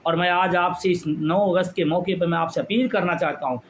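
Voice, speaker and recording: Fiery high-voiced man giving a rally speech. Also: fairly even intonation, a little fast, slight background noise. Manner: impassioned orator, repeats phrases for emphasis. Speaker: pension movement leader.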